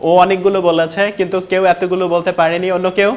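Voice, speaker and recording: A man's voice: high-pitched, flat delivery, fast talker, darkish tone. A man teaching spoken to a classroom, asking questions and calling on students. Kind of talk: classroom teaching, mixing Bengali and English.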